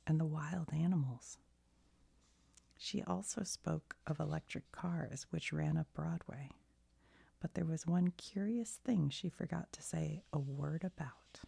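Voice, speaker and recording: A woman softly reading a bedtime story in ASMR style, with a deep, hushed, breathy half-whisper and a gentle storybook manner. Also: no room sound.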